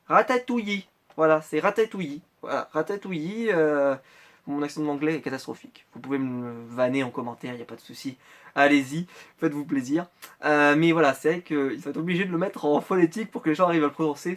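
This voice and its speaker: Speaking close to the mic, a French man unboxes collectible Funko Pop figures for his vlog. His slightly high voice wanders chattily, full of little hesitations and restarts.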